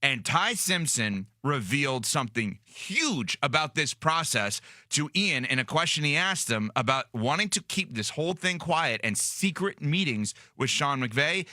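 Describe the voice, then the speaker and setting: A man's voice: medium pitch, bright, forceful tone, dry recording, studio quality. A man hosting a sports talk show, chatty and emphatic as he sets up clips.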